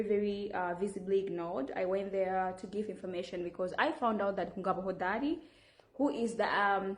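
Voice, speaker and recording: With a medium-pitched voice and a reverberant backdrop, a Rwandan-accented woman vlogger from Rwanda appeals to the public, earnest and insistent as she faces the camera and keeps restarting sentences.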